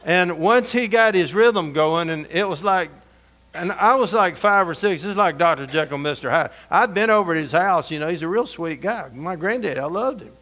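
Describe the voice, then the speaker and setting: A middle-aged man preaching a storytelling sermon, folksy and humorous, going soft and intense for scripture. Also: high voice, expressive, normal speed.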